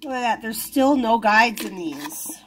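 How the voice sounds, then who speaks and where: Unhurried and a bit bright, this slightly high female voice has lively intonation, with some background noise. She's a toy unboxing vlogger at a wooden table indoors, chatting casually, giggling and delighted, filmed hands-only from above.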